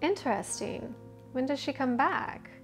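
A woman's voice: high-pitched, lively intonation, a little slow, faint music behind. An actress playing a polite, awkward young girlfriend with a hesitant manner in a naturalistic drama. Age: young adult. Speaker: actor. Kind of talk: naturalistic scripted drama acting. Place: indoors in an apartment.

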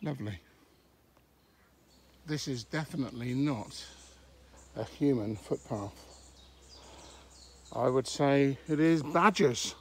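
An unhurried, chatty middle-aged man from England walks outdoors along country lanes and fields, vlogging on a handheld phone camera. His voice is medium-pitched, and he pauses mid-sentence in his casual commentary while faint outdoor noise plays in the background.

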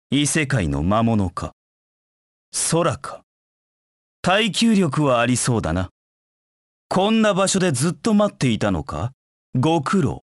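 A man's voice: on the high side, no room sound, clean studio sound, exaggerated voice. An actor playing a proud, cold hedgehog knight in a Japanese video game, curt and disdainful in his delivery. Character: proud, cold anthropomorphic hedgehog knight, a brooding young male rival.

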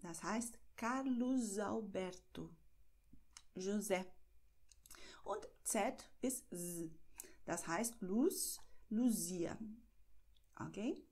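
A woman from Brazil with a São Paulo accent, a native Portuguese speaker, giving an online pronunciation lesson in German, slow and deliberate, often checking in with "Okay?". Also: medium pitch, expressive, darkish tone, slightly rough. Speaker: language teacher.

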